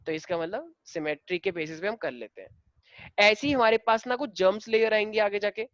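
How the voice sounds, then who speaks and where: A man's voice: high voice, a little fast, fairly bright tone, dry recording. Male teacher mid-lesson, quizzing the class, dull dry recording. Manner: mixes Hindi and English, quizzes students, affectionate. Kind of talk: classroom lecture.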